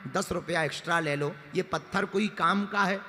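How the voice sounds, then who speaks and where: Man voices a down-to-earth villager: matter-of-fact haggling, a bit lower. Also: normal speed, pushed and bright, in a large hall. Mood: bargaining. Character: plain-spoken adult male village man.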